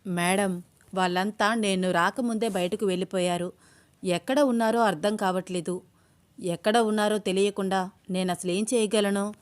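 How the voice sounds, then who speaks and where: A woman's voice: medium pitch, fairly even intonation, normal speed, natural voice. A woman reading as a complaining hired henchman.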